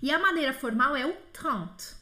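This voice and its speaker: Female French teacher, slightly high voice, patient and repetitive, live class answering chat. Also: expressive, pushed and bright. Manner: patient, repeats words slowly to model pronunciation; answers viewers' questions by name. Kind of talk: live online lesson.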